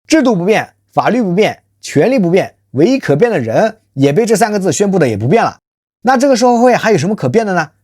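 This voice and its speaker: Speaking fast with big swings in pitch, this host has a medium-pitched, darkish voice and runs through a scripted monologue of social commentary. The tone is emphatic and rhetorical, with frequent questions to the audience, and the host calls themselves by a nickname in third person. Studio-quality sound with no echo.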